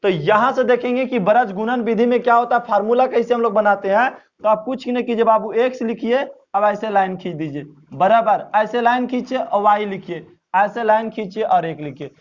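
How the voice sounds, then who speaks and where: High-pitched male maths tutor, quizzes himself aloud, dull lo-fi sound. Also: fairly quick. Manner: addresses students as "babu", asks and answers his own questions. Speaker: maths teacher. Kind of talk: classroom maths lesson. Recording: dull lo-fi recording.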